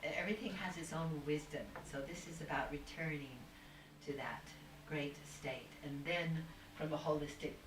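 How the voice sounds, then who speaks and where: Speaking at normal speed in a low voice, a woman guest on a video call rambles at length in casual conversation, spiritual and searching, often starting over. The audio comes from a distant, roomy mic with faint noise.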